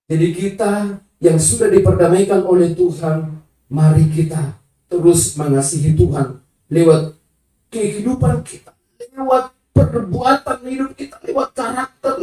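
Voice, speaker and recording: A woman's voice: mid-range voice, warm tone. A woman preaching a sermon, emphatic and calling out to the congregation, sometimes singing her phrases. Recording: echoey hall, voice from far off.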